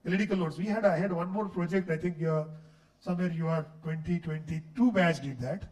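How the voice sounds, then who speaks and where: In a lecture hall, a middle-aged guest lecturer with an Indian English accent speaks briskly to faculty, his voice a little high and darkish in tone. Because of a cold, it isn't clear. He's conversational, keeps asking the audience questions, often says "okay," and sounds distant in the echoey room.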